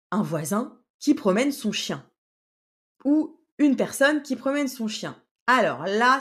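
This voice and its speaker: A woman hosting a language-lesson podcast, talking straight to the listener in a patient way with many hesitations. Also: on the high side. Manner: speaks directly to the learner. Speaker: French teacher and podcast host.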